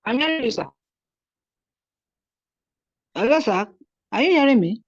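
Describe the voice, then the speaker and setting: A woman's voice: a little high, lively intonation, fast, dry recording, highs cut off. A woman asking a question during an online call, speaking hesitantly, her audio glitching and breaking up. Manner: hesitant, full of fillers and restarts. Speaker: webinar participant asking a question. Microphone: video call.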